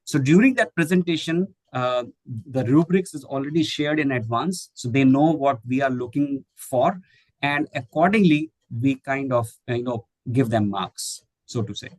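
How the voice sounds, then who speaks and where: Animated and mid-range, a man's voice runs at normal speed in a low-quality recording with no room sound. He's a middle-aged Indian English teacher trainer, Hindi his first language, answering webinar questions as a guest speaker, hesitant with many fillers and restarts.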